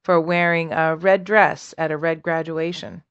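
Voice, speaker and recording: A woman's voice: sits low, steady tone, unhurried, fairly bright tone, smooth, no room sound, lo-fi sound. A woman co-hosting a casual podcast, teasing her partner in a dry way. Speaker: podcast co-host. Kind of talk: casual chat.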